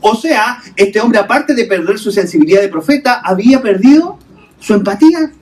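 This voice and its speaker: A man's voice: high-pitched, animated, normal speed, a little mellow, distant mic. A male pastor preaching a sermon in a hotel hall, asking the congregation rhetorical questions and mixing English terms into his talk.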